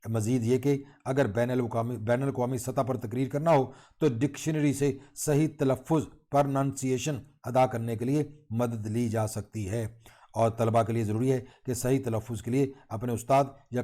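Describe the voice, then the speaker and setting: A middle-aged man from Pakistan giving a recorded college lecture, reading out lists of terms in a measured teaching tone. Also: mid-range voice, fairly even intonation, warm tone.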